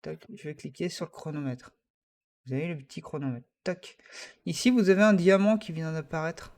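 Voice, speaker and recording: Un homme qui donne un tutoriel logiciel enregistré sur écran, en parlant de façon hésitante avec beaucoup d'hésitations, et qui commente chaque clic. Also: male voice, fairly high pitch, lively intonation, moderate pace, a little mellow. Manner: hesitant, many fillers, talks through each click. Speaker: software tutorial teacher. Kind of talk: screen-recorded software tutorial.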